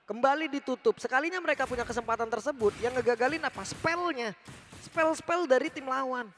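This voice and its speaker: A man's voice: very high voice, a little fast, a bit bright, a little hiss or hum. A man with an Indonesian accent giving esports match analysis, emphatic and building his points through repetition.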